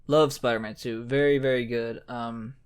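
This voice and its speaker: A man co-hosting a casual chat, talking in a relaxed way with many fillers. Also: mid-range voice, normal speed, smooth. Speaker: co-host.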